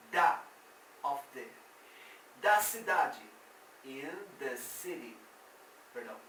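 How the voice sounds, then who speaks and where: A man teaches English grammar, going slowly and repeating each example. His voice sits a little high. It is recorded from across an echoey room, with faint noise behind him. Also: a bit bright, recorded from a distance. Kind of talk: explaining grammar at a board.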